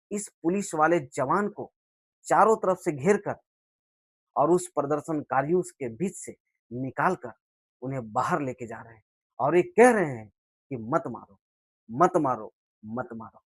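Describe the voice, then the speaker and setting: A man giving impassioned political commentary, speaking rhetorically and swinging between loud emphatic bursts and low, quiet lines. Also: dry recording. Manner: rhetorical, swells and drops in loudness for emphasis.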